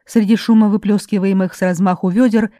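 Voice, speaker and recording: A woman's voice: medium pitch, steady tone, brisk, dark tone, no room sound, clean studio sound. A woman reading a novel aloud with dramatic, vivid expression. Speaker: audiobook narrator. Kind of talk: expressive literary narration.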